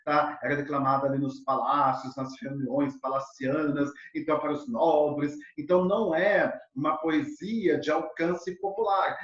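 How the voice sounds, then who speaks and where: A male literature teacher gives a lively exam-prep lesson, full of fillers and speaking straight to his students. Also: a little high. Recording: echoey, dull lo-fi room sound.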